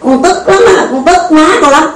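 Woman doing a high-voiced upset little boy, heard from a distance. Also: moderate pace, a bit bright. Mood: sulky, aggrieved. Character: small boy crying, sulky and upset. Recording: roomy distant recording with faint ambience.

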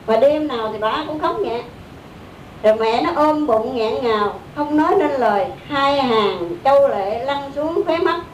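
A woman with a Southern Vietnamese accent preaches a Buddhist story in a loose, conversational way. Her high voice sounds in an echoey room, picked up from a distance with a faint rumble behind. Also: animated, a little slow. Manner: conversational, with fillers like "đó" and "á". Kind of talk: sermon storytelling.

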